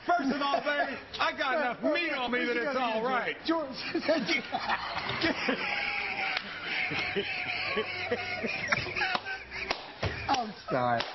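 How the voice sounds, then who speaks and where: A man's voice: extremely high pitch, moderate pace. A man co-anchoring a news show, bantering off script in a newsroom blooper and struggling to regain composure. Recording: muffled, very noisy TV clip.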